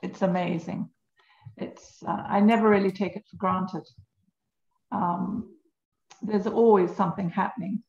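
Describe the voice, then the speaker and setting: Speaking from her canal-side home in Venice, an older woman from New Zealand shares personal stories off the cuff as a conversational interview guest. Her mid-range voice is gravelly and darkish, fairly even and a little slow, with long pauses, recorded in an echoey room with slightly dull sound.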